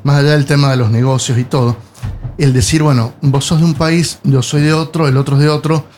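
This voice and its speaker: A man's voice: mid-range voice, steady tone, fairly quick, darkish tone, slight background noise. A man, talking in a casual panel chat, hesitant and musing with many fillers. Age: 60s.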